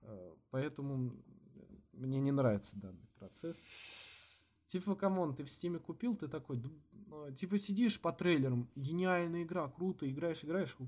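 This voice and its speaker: A man co-hosting a podcast in casual, slangy chat with swearing, halting with many false starts and repeats. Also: on the high side, animated, a little mellow. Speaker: podcast co-host.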